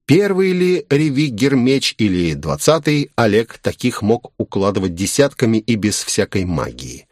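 A man narrating a fantasy novel in a steady, even storytelling manner. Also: medium pitch, dry recording, studio quality. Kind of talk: audiobook narration.

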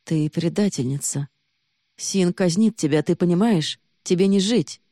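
Woman reading as a stern young guy, low-ish voice, harsh and accusing, dry close sound. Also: unhurried, dry recording. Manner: harsh and reproachful, then hushed and urgent. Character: young man, accusing, then desperately protective.

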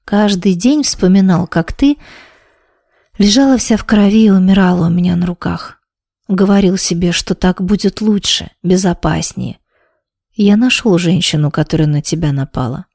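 A woman voicing a gruff, protective young man in an audiobook, curt and gloomy. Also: lowish voice, normal speed, mellow, dry recording, clean studio sound. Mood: confessing.

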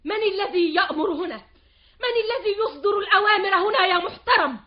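A woman's voice: very high voice, fast talker. Stern accusing mother-in-law. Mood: indignant. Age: older. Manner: indignant, accusing, commanding. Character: stern older mother-in-law, suspicious and domineering. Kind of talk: 1960s-era Arabic radio drama acting. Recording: dull lo-fi old radio recording.

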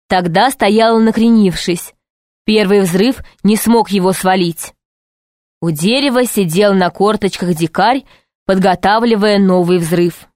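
A woman's voice: medium pitch, a little mellow, no echo. Woman narrating a storybook, dry close sound. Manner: clear, measured storytelling. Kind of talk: scripted audiobook narration.

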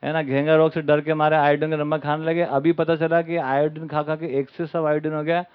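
A man's voice: a little high, level tone, moderate pace, clean tone. Man telling a satirical story, lo-fi. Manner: satirical, acts out the people in his stories. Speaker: speaker at a camp. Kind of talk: storytelling lecture to an audience. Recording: dull lo-fi recording.

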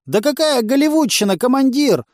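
A jittery, cowardly stoner moonshiner who whines and squeals his excuses, as a male audiobook reader puts him on. The voice sits much higher than the reader's own and comes out loud and pushy. It is a dry, close recording. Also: lively intonation, moderate pace, dry recording. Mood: pleading. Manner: whiny, pleading, squeals. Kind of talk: audiobook character voice.

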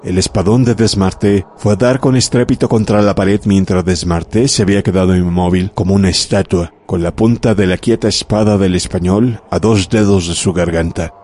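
A man narrating a horror audiobook in a measured, dramatic way. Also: sits low, steady tone, a little mellow. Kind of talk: scripted narration of a horror story.

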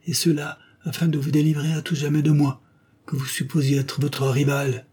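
A man's voice: mid-range voice, moderate pace, warm tone, slightly rough, voice pushed up. A man reading the part of a proud, scornful young former governess, with a cold, ironic, cutting delivery. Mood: furious. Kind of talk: audiobook dialogue reading.

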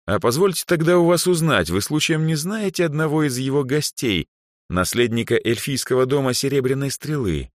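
A man voicing a polite, good-natured older male music organizer in an audiobook, speaking in a courteous, smooth way. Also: mid-range voice, animated, normal speed, no echo, clean studio sound, pitched above the performer's own voice, natural voice.

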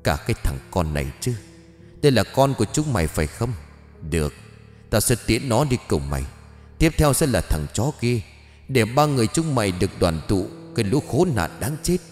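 A brutal husband spits rapid, contemptuous threats, voiced by a male narrator. His tone drops low and cold at moments, with faint music running under this audio story. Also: sing-song, a little mellow, in a large hall. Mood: cruel.

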